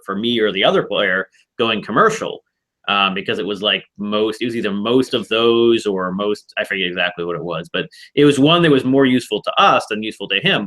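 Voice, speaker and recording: A man with a bright, forceful voice talks through board game strategy in a casual online chat. He rambles and restarts his sentences as he explains the rules. His pitch sits in an ordinary middle range. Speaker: board game club host.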